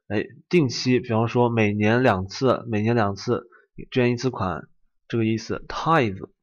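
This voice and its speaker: A man teaching vocabulary in a lecture, repeating each word and often opening lines with a drawn-out filler. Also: mid-range voice. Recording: dull lo-fi recording.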